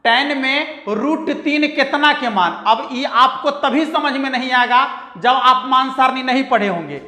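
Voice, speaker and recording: A man's voice: very high voice, pushed and bright. A man teaching math in an online exam-prep lesson, emphatic and repetitive, with teasing asides to his students. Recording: echoey room with long reverb.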